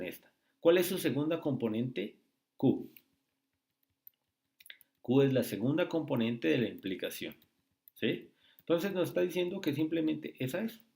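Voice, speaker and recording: A man tutoring logic in a screen-recorded lesson, speaking slowly and often checking with "¿sí?" and "¿listo?". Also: a little high, creaky, darkish tone. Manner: slow, repetitive, asks rhetorical checks.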